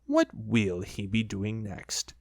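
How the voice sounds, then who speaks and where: A reader voicing a fussy mother kangaroo in a storybook, brisk, soothing and firm. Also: mid-range voice, wildly swooping pitch, no room sound, clean studio sound, heavily acted. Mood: brisk, motherly. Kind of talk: storybook reading.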